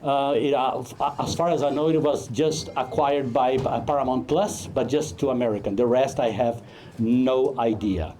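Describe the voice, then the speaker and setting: A man's voice: mid-range voice, fairly even intonation, warm tone, a little hiss or hum. Man telling jokey anecdotes. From Brazil. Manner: humorous, anecdotal, halting with many fillers. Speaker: film director. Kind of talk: casual talk at a networking event.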